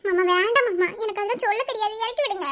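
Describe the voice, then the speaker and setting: A woman's voice: very high-pitched, very fast, a bit bright. A woman voicing a young village wife in a cartoon, speaking Madurai Tamil, emotional and teasing, often tearful. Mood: protesting. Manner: tearful, pleading, laughing through tears. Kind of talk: cartoon voice acting. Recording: noisy recording with clicks.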